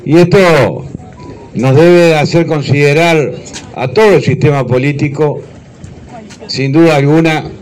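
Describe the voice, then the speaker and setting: A man's voice: medium pitch, a little mellow, slight background noise, low-quality recording. A middle-aged man with a Uruguayan Spanish accent, a government official giving an emphatic public speech and repeating key phrases for weight.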